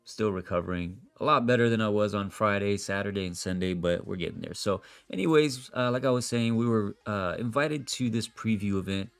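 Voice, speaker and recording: Brief: male gaming creator, stuffy nasal voice from a cold, lowish pitch, dry close voice-over. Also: a little fast, gravelly, hardly any pauses, smooth, dry recording. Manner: relaxed, chatty explaining. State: sick with a nasal voice. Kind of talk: casual gameplay commentary voice-over. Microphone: voice-over recorded apart from the footage.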